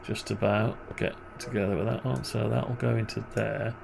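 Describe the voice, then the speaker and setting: A man presents a programming tutorial, thinking aloud while he works on screen and muttering wry, grumbling asides to himself. His gravelly voice sits on the low side, with a flat delivery at a moderate pace. The background is noisy.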